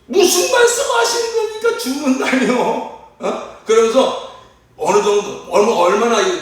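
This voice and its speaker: A male pastor delivers a lively sermon, putting on the voices of the figures he quotes and asking his listeners questions. His voice sits high for a man. It rings through a very echoey church hall and is picked up from some distance. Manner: animated, acts out quoted speech.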